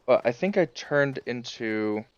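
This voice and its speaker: A man's voice: medium pitch, lively intonation, a little slow, clear, resonant tone, no room sound, dull audio. A man streaming a game, chatting casually and rambling with lots of fillers and chuckles. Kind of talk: casual live-stream chat while playing.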